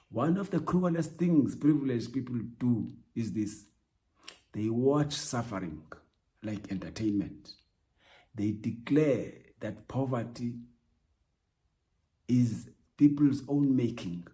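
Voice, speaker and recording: Measured man, mellow voice. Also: medium pitch. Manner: measured, emphatic, repetitive rhetorical lines. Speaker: podcast host. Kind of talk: reflective spoken essay.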